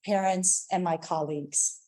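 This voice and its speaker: A woman's voice: lowish voice, steady tone, unhurried, dark tone. A woman giving an earnest, pleading public comment at a school board meeting, repeating her appeals. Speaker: public commenter, district administrator and parent.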